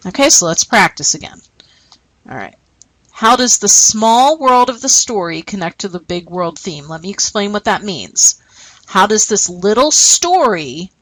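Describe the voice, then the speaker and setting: A woman's voice: mid-range voice, fairly bright tone, no echo, poor audio. A woman teacher explaining a lesson and reading short stories aloud, often checking in with "okay?". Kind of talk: recorded classroom lesson.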